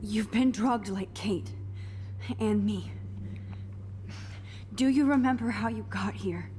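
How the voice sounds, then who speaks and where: A woman playing a determined young student held captive in a video game, speaking with hushed, breathy, protective urgency. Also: medium pitch, takes it slowly, a little hiss or hum, close to an everyday voice. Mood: urgent resolve. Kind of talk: dramatic video game acting.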